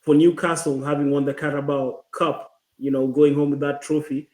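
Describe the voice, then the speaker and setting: A man co-hosting a casual football chat, talking in a hesitant, considered way with many pauses and restarts. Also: on the high side, flat delivery, a little mellow, roomy sound.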